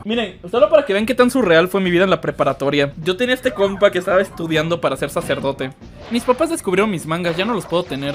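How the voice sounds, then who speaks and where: A young man with a Mexican Spanish accent, telling funny stories and commenting on gameplay with loud, animated outbursts. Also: on the high side, slight background noise. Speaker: gaming streamer. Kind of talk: comedic storytelling and gameplay commentary.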